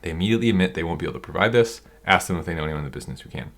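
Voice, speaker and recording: A man with an energetic, rambling manner, coaching online sellers through a screen-share tutorial. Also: low-pitched, rapid-fire. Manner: energetic, rambling, self-interrupting.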